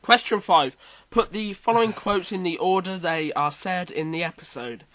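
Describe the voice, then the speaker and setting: A man hosting a casual quiz chat, reading out questions with lively emphasis. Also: high voice, moderate pace. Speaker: quiz host.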